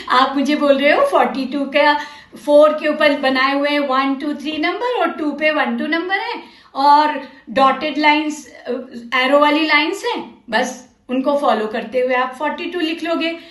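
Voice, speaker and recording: Slow, patient woman teacher, high voice. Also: fairly bright tone, roomy sound. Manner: slow, patient, encouraging, mixing Hindi and English. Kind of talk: children's literacy lesson.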